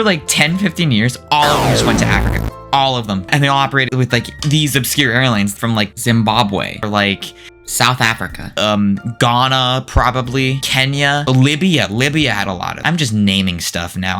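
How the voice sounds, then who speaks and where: A man ranting casually in one take as a video creator, rambling with lots of "like" and asides, his pitch jumping up and down. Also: pushed and bright. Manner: pitch swings up and down a lot. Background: faint background music.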